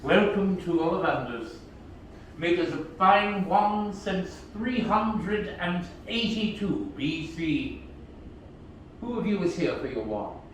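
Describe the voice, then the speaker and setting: A man performing as a wand shop keeper at a theme park, with grand, theatrical patter and loud exclamations. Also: high-pitched, animated, slow, slight background noise. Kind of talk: theatrical live show patter. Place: indoor wand shop attraction. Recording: distant, very echoey shop filmed on a phone.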